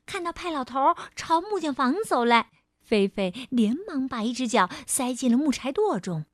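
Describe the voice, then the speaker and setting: A woman storyteller reading a children's storybook aloud in a gentle, expressive way. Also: sits high, normal speed, no room sound, clean studio sound. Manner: gentle, expressive, lingering on phrases.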